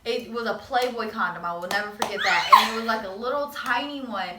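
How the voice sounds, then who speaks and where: A woman's voice: fairly high pitch, fairly quick, far from the mic. A young woman in casual chat, telling stories in a candid, slangy way. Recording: roomy echo, faint background noise, clicks.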